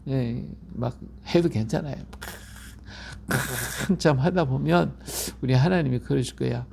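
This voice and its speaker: A man's voice: medium pitch, a little slow, vocal fry, warm tone, slight background noise. A middle-aged male pastor giving a Bible-reading sermon, emphatic and repetitive, often asking his listeners for agreement.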